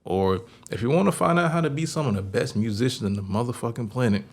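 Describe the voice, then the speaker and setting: A man's voice: mid-range voice, quick pace. A young man co-hosting a podcast in casual chat, talking through advice in a laid-back way and tacking "man" and "bro" onto his sentences. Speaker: podcast co-host.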